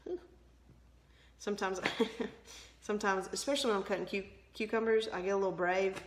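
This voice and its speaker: A young vlogger talks casually and ramblingly in her kitchen at home, often laughing and making fun of herself. She has a medium-pitched, steady, brisk voice, and the recording is rough.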